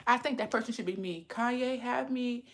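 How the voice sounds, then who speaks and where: A woman in her thirties hosts a livestream, chatting casually with viewers in a slightly high voice at a moderate pace. She says she has a lisp.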